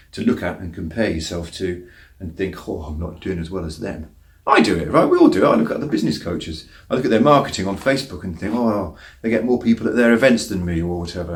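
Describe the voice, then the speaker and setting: A man, coaching tradespeople in a direct-to-camera talk, emphatic and encouraging, often tagging points with "right?". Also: on the low side. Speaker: business coach.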